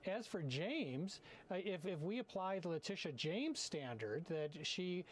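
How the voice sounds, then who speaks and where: An American man giving halting, measured legal commentary with dry wit as a guest in a TV news interview. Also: high-pitched, very animated. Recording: clear background room noise.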